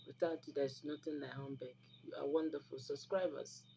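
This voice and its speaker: Speaking a little fast in a low, steady, creaky and warm voice, this native Igbo woman with a Nigerian Igbo accent hosts an online video on herbal remedies. Her talk to camera is casual and instructive yet emphatic and preachy, with phrases repeated for emphasis. Background noise is noticeable throughout.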